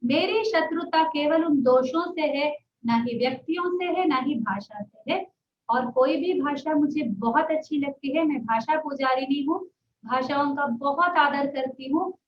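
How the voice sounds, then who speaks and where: A woman teaching pronunciation, patiently repeating and drawing out sounds and checking that her listeners follow. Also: sits high. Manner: patient, repeats sounds slowly, asks "है ना?" often. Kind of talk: spoken lesson, explaining and demonstrating sounds. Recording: echoey, distant, dull lo-fi sound.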